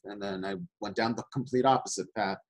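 A man's voice: lowish voice, steady tone, a little fast, poor audio. A man, a guest and public speaker, talking casually in an interview with easy fillers.

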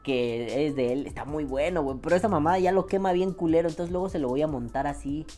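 A woman's voice: low voice, fast, mellow, faint music behind. A woman with a Mexican accent, a vaping vlogger in a casual, profane rant who swears freely and acts out the voices she quotes.

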